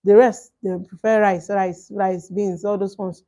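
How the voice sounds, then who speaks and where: A woman's voice: medium pitch, fairly even intonation, measured pace, warm tone. A woman in her thirties with a Nigerian accent vlogs a personal story in casual, emphatic talk, slipping between English and Pidgin and acting out what was said. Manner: emphatic, acts out reported exchanges. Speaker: vlogger telling a personal story.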